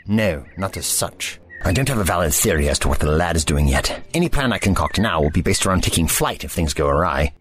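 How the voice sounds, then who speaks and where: An actor playing a cantankerous, ancient time-travelling doctor in an audio drama, with formal, wordy diction and an impatient manner. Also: male voice, low-pitched, expressive, fairly quick, fairly bright tone. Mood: brisk, pensive. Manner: pompous, impatient.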